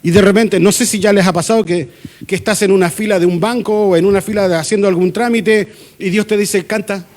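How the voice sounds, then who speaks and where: A man's voice: high-pitched, fairly even intonation, brisk, a little mellow. A man with a Chilean accent, a pastor preaching a conversational sermon in church, acting out little dialogues with humor.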